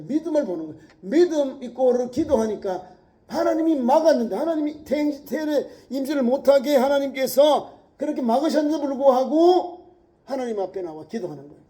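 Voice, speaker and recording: A man's voice: very high voice, mellow. A middle-aged male pastor preaching a sermon with emphatic rhetorical questions.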